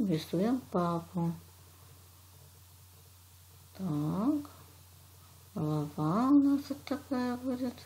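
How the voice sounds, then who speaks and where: Warm and mid-range, a Russian woman teacher narrates each action as she patiently walks a child through a drawing lesson step by step, offering praise along the way. The audio quality is poor.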